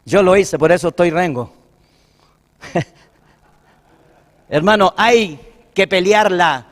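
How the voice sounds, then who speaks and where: A man's voice: sits high, slow pace, long reverb tail. A middle-aged man with a Chilean Spanish accent, preaching a sermon as a pastor in a folksy, conversational way and often calling listeners brother.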